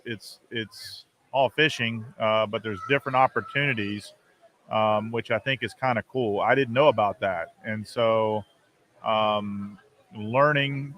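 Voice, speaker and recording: A man's voice: medium pitch, a bit bright. A man in his forties chatting casually as a fishing show co-host at an event, phrasing things hesitantly in small pieces. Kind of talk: casual live-stream chat at an event. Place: booth in a large expo hall. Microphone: close podcast microphone.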